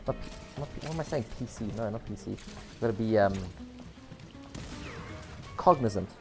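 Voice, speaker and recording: A man's voice: on the low side, animated, normal speed, music in the background. Rambling joking New man. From New Zealand. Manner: rambling, joking, self-correcting. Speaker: game streamer. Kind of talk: casual live gameplay stream.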